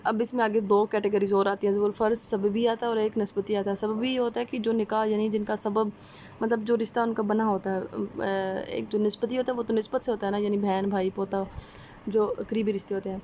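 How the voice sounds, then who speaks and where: A woman with a Pakistani Urdu accent giving a conversational exam-prep lecture, often pausing with fillers and checking-in tags. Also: mid-range voice, little pitch movement, mellow, a little hiss or hum. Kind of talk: explanatory lecture.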